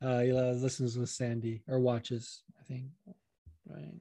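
A man's voice: mid-range voice, little pitch movement, unhurried, gravelly, warm tone, dry recording. A man hosting a podcast, chatting casually and rambling, swearing often. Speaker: podcast host.

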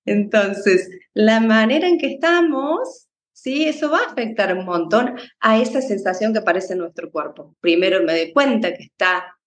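A woman, a psychologist guest in a conversation, explaining in a calm, unhurried way. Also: medium pitch, reverberant. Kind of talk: interview conversation.

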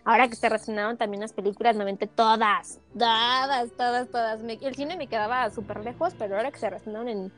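A young woman chats on a podcast, her voice sitting high and bright as she retells a story with animated, dramatic flair. Faint music plays softly behind her. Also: fast, few pauses. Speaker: podcast co-host. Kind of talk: casual chat, personal storytelling.

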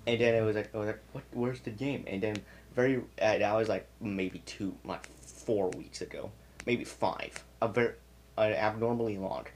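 A man's voice: lowish voice, steady tone, moderate pace, slight background noise. A man chatting as a podcast guest, rambling through a story with lots of fillers and restarts. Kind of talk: casual chat.

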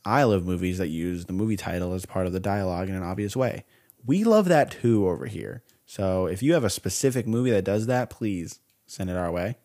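A man's voice: sits low, animated, brisk, darkish tone. A man in his twenties co-hosting a podcast, reading listener mail aloud with sarcastic, mock-insulting banter. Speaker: podcast co-host.

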